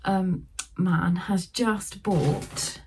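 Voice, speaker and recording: A middle-aged woman chatting through a casual yarn haul, filmed on her phone at home and sometimes talking softly so a sleeping baby stays asleep. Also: fairly low pitch, steady tone, drawn-out words, a little hiss or hum. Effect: filmed on a phone camera. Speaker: craft vlogger.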